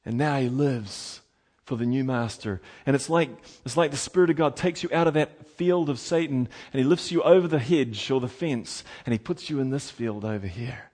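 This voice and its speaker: A man preaching a sermon with passion, moving from loud exhortation to hushed tones. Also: medium pitch, normal speed.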